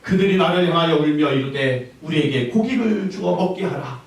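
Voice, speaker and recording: A man's voice: on the high side, lively intonation, normal speed, far from the mic. A male pastor preaching a sermon, firing questions at the congregation and repeating their answers back to them. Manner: call-and-response preaching, asking the congregation questions. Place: church sanctuary. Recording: echoey church hall, voice from afar.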